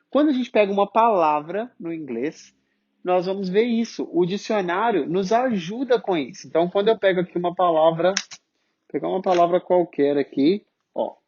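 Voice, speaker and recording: A man with a Brazilian Portuguese accent teaching English pronunciation, explaining step by step and drawing out sounds slowly to demonstrate them. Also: high voice, darkish tone, husky, dull audio. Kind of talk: online phonetics lesson.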